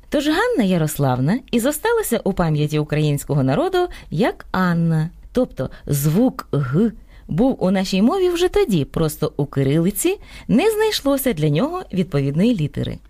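A woman co-hosting a radio program, reading a script in a clear, measured way. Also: lowish voice, huge pitch swings, dark tone, dry recording. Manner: clear, measured explanatory delivery. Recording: dry radio studio with faint music.

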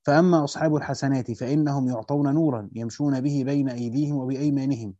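A man's voice: medium pitch, steady tone, very fast, warm tone, no echo, lo-fi sound. A man with an Egyptian accent reading a classical Quran commentary aloud and explaining it with colloquial asides. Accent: Egyptian Arabic. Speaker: Islamic studies teacher.

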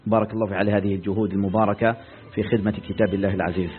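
A man, moderating an event and giving brisk, formal thanks and invitations. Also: on the low side, little pitch movement. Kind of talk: formal announcing. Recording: tinny phone-like lo-fi audio.

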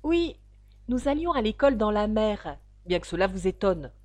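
A woman voicing a sighing, mournful sea creature in a storybook reading, with a lively, plaintive lilt. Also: medium pitch, normal speed, dry recording, close to an everyday voice.

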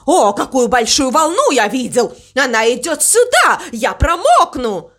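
A woman's voice: medium pitch, normal speed. A woman doing a fussy, jittery crow. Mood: alarmed. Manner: abrupt, excitable, shouting about waves. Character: fussy anxious male crow, curt and bossy.

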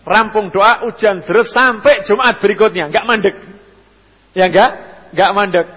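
Young man, Javanese accent, lively religious lecture, high voice, muffled sound. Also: a little slow, husky. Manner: lively, acts out quoted speakers with sudden jumps in pitch and loudness. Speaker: preacher at a mosque study session. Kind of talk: religious lecture answering questions. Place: mosque hall. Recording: dull, echoey hall radio recording.

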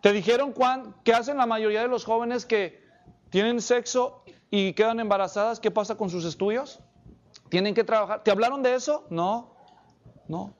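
A man preaching a sermon to parents, animated and firing many questions at the congregation. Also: high-pitched, normal speed, dull audio.

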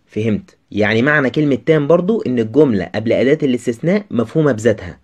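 A man's voice: medium pitch, warm tone, husky. A man with an Egyptian Arabic accent teaching a grammar lesson, chatty and talking straight to the student with questions.

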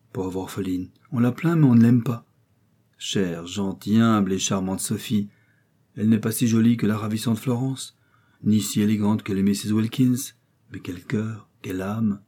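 Old manor lord read by a man, curt then tearful, low husky voice, dark tone. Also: moderate pace, natural voice. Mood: tender. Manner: sharp with servants, tender in private. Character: grieving old man, wealthy master of a manor.

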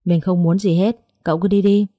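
A woman's voice: fairly low pitch, steady tone, a little fast, warm tone, lightly acted. A woman reading a cold, curt young man. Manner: curt, detached.

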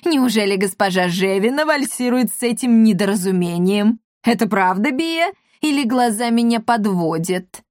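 A woman's voice: mid-range voice, expressive, moderate pace, darkish tone, no echo, studio quality, lightly acted. A woman voicing a nasty, scheming old male apothecary who sneers and threatens in an audiobook. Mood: sneering.

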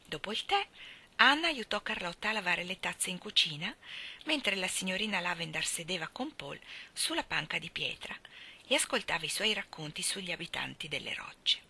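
Bright-voiced woman reading a storybook aloud. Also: fairly low pitch, normal speed, slightly rough. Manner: expressive, lightly voicing each character. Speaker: audiobook reader. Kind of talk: storybook narration with character voices.

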